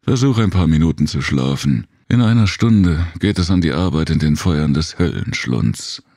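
A man with a very deep voice playing a tired, gruff alien man with big ears in a storybook reading, talking in a weary, curt way. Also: animated, normal speed, warm tone, no room sound, clean studio sound, full character voice.

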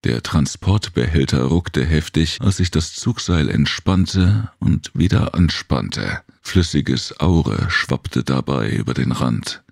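A man reading a science fiction audiobook in measured scripted narration. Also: rumbling low, expressive, creaky, a little mellow, dry recording, studio quality. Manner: measured storytelling.

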